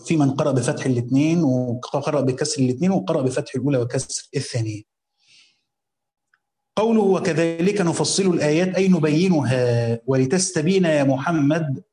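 A man's voice: a little high, mellow, roomy sound. Egyptian man reading scholarly text aloud. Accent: Egyptian Arabic. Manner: reads classical text slowly, then explains in colloquial asides. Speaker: teacher reading and commenting on a Quran commentary.

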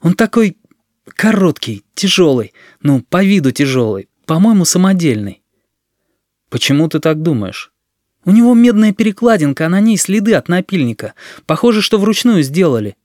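Man doing a high, ringing schoolboy voice, earnest and outspoken, for a storybook reading. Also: sing-song, normal speed, no echo, clean studio sound. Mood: eager. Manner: eager, increasingly loud and ringing.

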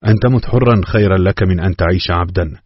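A man reads a dying old father in an audiobook, grave and defiant. The voice is deep and husky, and the recording sounds dull and dry. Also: fast, dry recording. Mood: bitter, defiant. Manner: impassioned, grave.

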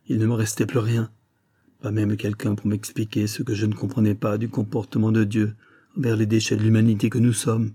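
A man reading the part of a desperate, impoverished father who pleads and then questions his faith bitterly, in a mellow, husky voice. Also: fairly low pitch. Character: despairing poor older father, bitter.

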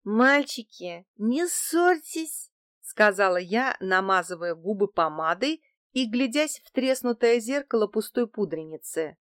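A woman narrates a crime novel in the first person, steady and even in a middle register. The sound is dry and close to the mic, with no room echo. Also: medium pitch, normal speed, hardly any pauses. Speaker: audiobook narrator.

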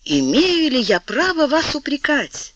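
A man voicing a tender, sorrowful noble lady, a marquise, in a soft, wistful, reproachful way. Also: extremely high pitch, wildly swooping pitch, unhurried, a little hiss or hum, pitched above the performer's own voice, heavily acted. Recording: dull lo-fi dry recording.

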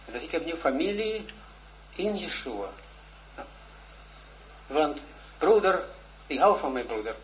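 A man in his forties, a religious teacher, giving a shy, earnest personal testimony in a lesson, halting and full of restarts. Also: on the high side, sing-song. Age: 40s. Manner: halting, hesitant, with many restarts. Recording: dull lo-fi recording with faint noise.

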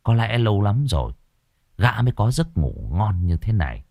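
A man narrating a ghost story in a dramatic, animated way. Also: lowish voice, moderate pace, gravelly, no room sound, lo-fi sound.

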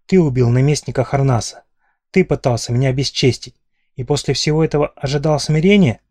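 A sharp-tongued young princess, held captive, who mocks her jailer with sarcastic defiance, as a male reader puts her on. The voice stays mellow and dry, with no room sound. It reads like a storybook. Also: mid-range voice, brisk, no room sound, natural voice. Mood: defiant.

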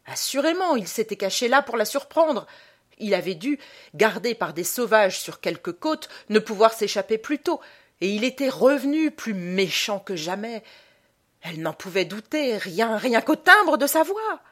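A woman reading a short story aloud in a measured, dramatic manner. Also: mid-range voice, expressive. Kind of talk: scripted narration of a short story.

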